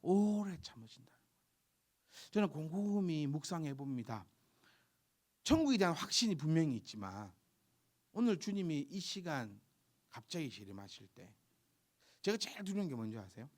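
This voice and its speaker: A man preaching a sermon, emphatic and exhorting, breaking into soft asides. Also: fairly high pitch, big pitch swings, normal speed, pauses often. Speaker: pastor.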